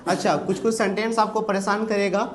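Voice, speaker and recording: An Indian man teaching spoken English in a classroom, drilling students with quick questions. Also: high-pitched, fairly even intonation.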